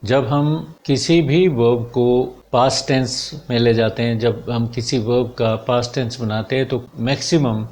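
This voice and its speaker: A male teacher explaining English sounds to his students at an unhurried, deliberate pace. He repeats each example word several times so the class can catch it, speaking to them directly in a plain, mid-pitched voice. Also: fairly even intonation, a little mellow. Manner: slow, repeats example words one by one to drill them; addresses students directly as dear students.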